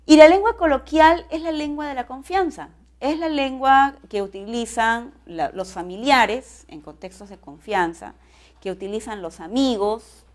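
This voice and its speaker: A woman teaching a recorded class, explaining step by step and often checking in with tag questions. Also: medium pitch.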